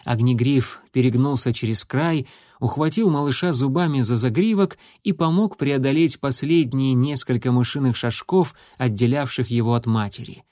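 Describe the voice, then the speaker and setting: A man narrating a children's animal adventure in a steady, measured reading. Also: mid-range voice, no echo, clean studio sound. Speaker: audiobook narrator. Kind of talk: scripted storybook narration.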